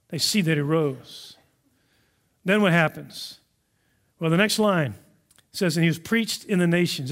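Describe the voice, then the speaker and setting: A man preaching a sermon in a conversational, animated storytelling manner. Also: high-pitched. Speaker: pastor.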